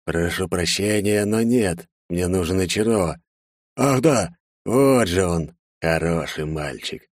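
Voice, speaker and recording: A sneering, theatrical villain, put on by a male narrator taunts a crowd of hostages. The voice sits higher than the narrator's deep natural tone and swings between loud mockery and drawled asides. The recording is close and dry. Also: takes it slowly, no room sound. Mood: mocking. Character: gloating masked male terrorist leader.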